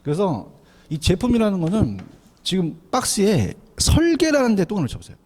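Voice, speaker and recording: A man giving an exam prep lecture, animated, often asking students to repeat after him. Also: sits high, moderate pace. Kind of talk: classroom lecture.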